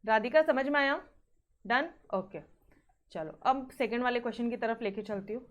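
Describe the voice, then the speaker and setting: A woman's voice: a little high, moderate pace. A woman. She mixes Hindi with terms, coaxes her students along with frequent checks on whether they follow, and gives stern reminders to practise. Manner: coaxing, checks in with students often. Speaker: maths teacher. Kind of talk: online maths class.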